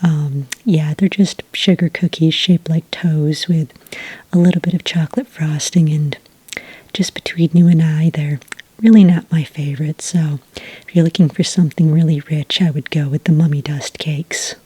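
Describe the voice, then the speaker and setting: This whispery ASMR customer-service roleplay features a low-pitched woman as a kindly witch serving at a charming little cafe. Her breathy tone stays steady and unhurried as she chats and takes the order, recorded close-up and dry with no echo.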